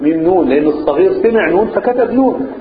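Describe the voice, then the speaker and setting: A man's voice: high voice, animated, fast, over music. A man with an Egyptian accent, a sheikh teaching a lesson on Quran recitation rules, who chants verses and keeps asking his class questions. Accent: Egyptian Arabic. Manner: questions the class and prompts answers. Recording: echoey, tinny, with a crowd behind.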